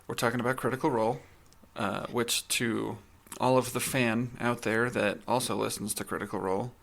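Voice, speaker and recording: A man's voice: mid-range voice, steady tone, normal speed, vocal fry, fairly bright tone. A man co-hosting a podcast in casual chat, with a wry, bantering manner. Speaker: podcast co-host.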